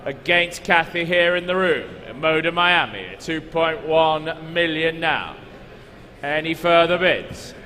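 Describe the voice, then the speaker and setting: A man's voice: a little high, unhurried, bright, forceful tone. A man working as an auctioneer, calling bids at a live car auction, repeating figures insistently and coaxing bidders. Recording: echoey large hall, background noise.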